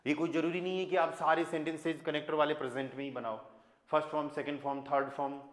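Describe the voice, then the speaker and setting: A man with an Indian accent teaching a German grammar class in Hindi, explaining slowly and mixing in English and German examples. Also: fairly high pitch, fairly even intonation. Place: classroom with students and online learners. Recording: echoey classroom.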